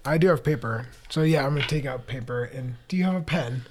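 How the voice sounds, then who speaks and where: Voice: mid-range voice, fast talker, a little mellow. A tabletop game player chatting casually and speaking for a character.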